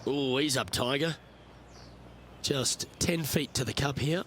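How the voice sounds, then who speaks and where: A man playing an upbeat golf commentator in a video game, giving short, measured play-by-play remarks on each shot. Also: medium pitch, noisy background, lightly acted. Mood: upbeat, approving. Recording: loud music and crowd behind.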